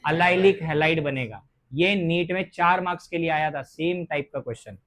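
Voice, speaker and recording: A man's voice: fairly high pitch, a bit bright. A man delivers a chemistry lecture. He drags out each English term as if dictating it to the class. He keeps asking questions and then answering them himself. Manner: slows to dictate English terms, asks and answers own questions. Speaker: chemistry teacher.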